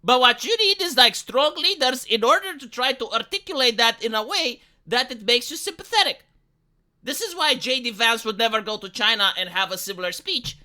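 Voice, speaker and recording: A man's voice: extremely high pitch, pushed and bright. A man from Eastern Europe with a Romanian accent and a blunt, ranting manner, swearing freely in an opinion commentary vlog. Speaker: political commentator.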